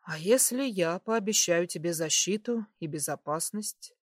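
A woman voicing a tender, hushed young nobleman. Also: fairly low pitch, animated, unhurried, dry recording, studio quality. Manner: soft, hushed, whispering.

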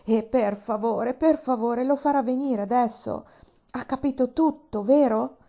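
Lady reading as an eager young boy, urgent and pleading, mellow tone, muffled lo-fi sound. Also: a little high, unhurried, voice pushed up. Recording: dull lo-fi recording.

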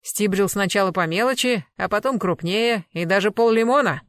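Brief: a reader doing a hulking male bodyguard, loud and threatening, dry close read. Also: sits high, normal speed, dry recording. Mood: mocking. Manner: loud, bullying, interrogating. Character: burly menacing male bodyguard, rough and threatening.

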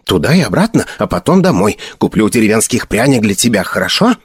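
Man reading as a frightened hoarse old hermit, lively pleading delivery, dry close sound. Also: lowish voice, brisk, no room sound. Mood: gentle. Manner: desperate, begging.

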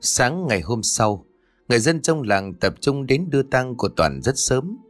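A man's voice: mid-range voice, very animated, normal speed. A man narrating a ghost story in a dramatic, scripted storytelling manner. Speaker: audiobook narrator. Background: faint music.

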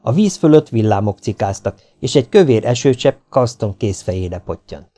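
A man reading an audiobook in a steady, measured narration. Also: lowish voice.

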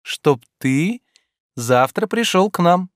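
A man voicing a playful, teasing young woman in an audiobook, lively and capricious. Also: high-pitched, takes it slowly, dry recording, clean studio sound, voice pushed up. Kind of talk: audiobook character reading.

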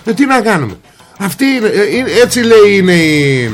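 A man hosts a talk radio show and rants in a high, mocking voice. He talks in blunt slang with sarcastic jabs. Faint guitar music plays underneath. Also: sing-song. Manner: sarcastic, mocking, colloquial rant. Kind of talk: ranting political talk with callers.

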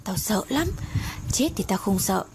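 A woman's voice: mid-range voice, lively intonation, a little slow. A young woman worn down by guilt and fear, pleading with her friends, as a woman reading the story puts her on. A constant hiss sits under the voice. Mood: fearful. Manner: fearful, pleading. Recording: noisy background hiss.

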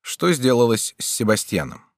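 Guy reading a novel aloud, measured expressive delivery, mid-pitch, dry close mic. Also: dry recording. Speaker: audiobook narrator. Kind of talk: scripted narration of a classic novel.

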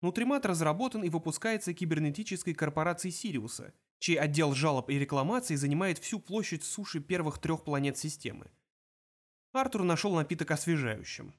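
A male audiobook narrator, his voice sitting a little high. He reads the prose in an expressive, lively manner. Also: brisk. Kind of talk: scripted narration.

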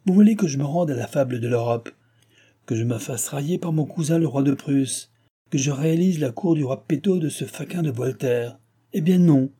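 A man reads out a petulant aging king in an audiobook, all exasperated complaint and wounded pride. His voice is very dark and mellow. It has a husky grain, and the lines come out raised and loud. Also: mid-range voice, lightly acted. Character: irritable aging male king, petulant and self-pitying. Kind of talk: audiobook character reading.

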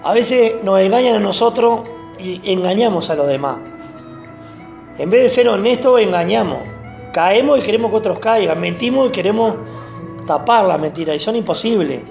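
A man preaching a sermon, animated and repeating phrases for emphasis. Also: high-pitched, moderate pace, vocal fry, faint music behind.

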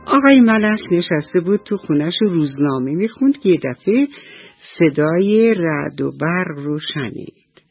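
A woman storyteller narrating a bedtime story for children on the radio, gentle and affectionate. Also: lowish voice, husky, no echo, lo-fi sound.

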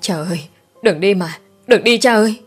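A woman's voice: medium pitch, extremely slow, a bit bright, slightly rough, soft background music, exaggerated voice. A woman voicing a frightened young brother who wails and cries in panic in a storybook reading. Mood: panicked wailing. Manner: wailing, panicky. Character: young man, frightened crying little brother.

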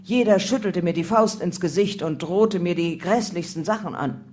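A woman reading a first-person memoir aloud in calm, measured narration. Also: lowish voice, slight background noise. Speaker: audiobook reader.

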